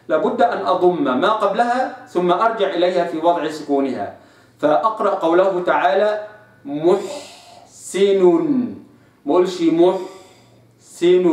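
This Quran recitation teacher speaks with an Egyptian accent, his voice high-pitched and a little mellow. He explains letter sounds and demonstrates them in slow, drawn-out fashion as part of a tajweed lesson. The room echoes, and he sounds somewhat distant from the mic.

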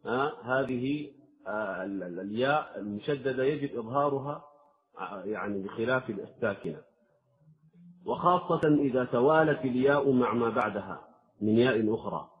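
A man teaching Quran recitation, stopping to sound out letters and words slowly and carefully. His voice sits at an ordinary middle pitch. The audio is thin and tinny, like a phone line. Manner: demonstrates letters slowly, drawn-out examples. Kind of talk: tajweed lesson.

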